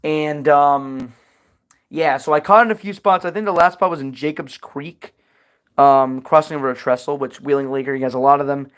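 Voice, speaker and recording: A young man hosting a casual livestream Q&A, answering chat questions in a rambling, chatty way with lots of fillers and sudden excited bursts. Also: a little high, normal speed, smooth.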